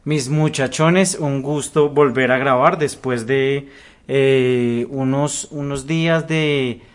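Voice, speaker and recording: A man's voice: mid-range voice, fairly even intonation, takes it slowly. A man, co-hosting a casual podcast, rambling and hesitant with lots of fillers. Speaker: podcast co-host. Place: studio, recorded in person.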